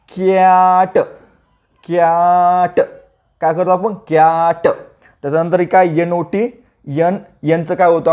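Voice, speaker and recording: Brief: male teacher, high voice, drills letter sounds by repeating them slowly for kids. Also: a little mellow. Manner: repeats sounds slowly, asks and answers own questions. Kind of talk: phonics lesson for children.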